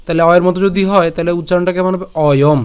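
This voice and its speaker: Man, recitation teacher, slow syllable-by-syllable drilling, patient, smooth resonant voice, fairly high pitch. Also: steady tone, a little mellow. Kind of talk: online recitation lesson.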